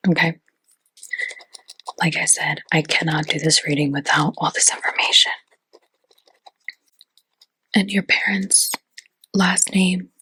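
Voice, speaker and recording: A woman's voice: lowish voice, pushed and bright, husky, no room sound, low-quality recording. A woman whispering in a chatty ASMR roleplay as a fortune teller, with lots of casual fillers.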